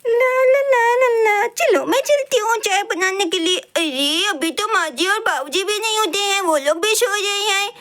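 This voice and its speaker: A woman voicing a busy young wife who talks briskly and scolds. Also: very high voice, animated, bright, forceful tone, exaggerated voice. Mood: bustling.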